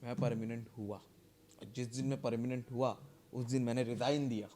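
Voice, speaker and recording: A young man, telling a workplace story on a podcast in a lively, laughing way, acting out the dialogue. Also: medium pitch, normal speed, slight background noise. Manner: animated, acts out dialogue, laughs often. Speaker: podcast co-host. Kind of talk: casual storytelling chat.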